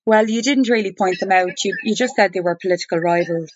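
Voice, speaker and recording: A woman speaking over the phone, challenging someone in an insistent, deliberate, argumentative way. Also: medium pitch. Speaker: complainant challenging a journalist. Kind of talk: confrontational phone conversation. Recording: muffled, roomy recorded phone call.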